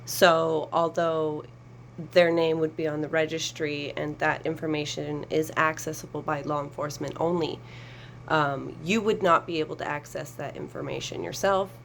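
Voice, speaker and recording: A woman's voice: sits low, level tone, moderate pace, vocal fry, a bit bright, a little hiss or hum, rough recording. A woman advocate speaking earnestly to camera, explaining a process with emphasis and sarcasm. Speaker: survivor advocate.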